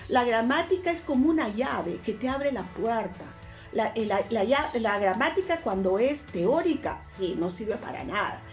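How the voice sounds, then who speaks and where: A woman's voice: on the high side, a little mellow. A woman language teacher, explaining grammar patiently through many examples in a casual video lesson.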